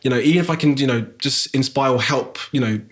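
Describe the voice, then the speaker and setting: A man's voice: mid-range voice, fast talker. A man in his thirties with a South London accent, a guest in a podcast interview, talking reflectively with many fillers and restarts. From England. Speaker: guest, graphic designer.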